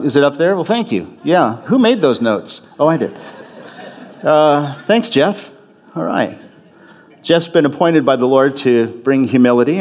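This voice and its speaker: Man, pastor, church sermon, casual delivery, restarts and repeats himself. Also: mid-range voice. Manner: conversational, self-interrupting, repeats phrases for emphasis.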